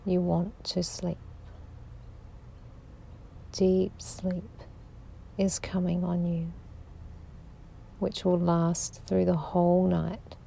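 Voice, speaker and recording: A woman guiding a sleep meditation in a slow, soothing voice that drifts into whispers. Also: lowish voice, little pitch movement, vocal fry, dark tone, a little hiss or hum. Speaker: sleep hypnosis guide.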